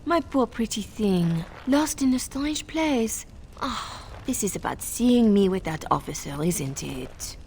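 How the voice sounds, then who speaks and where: A woman's voice: mid-range voice, lively intonation, measured pace, a little mellow, a little hiss or hum. An actress with a French accent playing a scheming spymaster woman who talks coldly and condescendingly. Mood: mocking. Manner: cold, condescending, purring.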